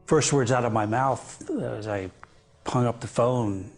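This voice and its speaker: Gravelly-voiced older man, measured. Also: medium pitch, faint music behind. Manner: measured, hesitant with frequent fillers. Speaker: interview guest. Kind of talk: reflective TV interview.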